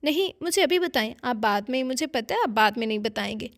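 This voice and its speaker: A woman's voice: fairly high pitch, expressive, brisk. Young wife, teary but stubborn, read by a woman, audiobook. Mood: pleading. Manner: pleading, insistent. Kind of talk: audiobook character reading.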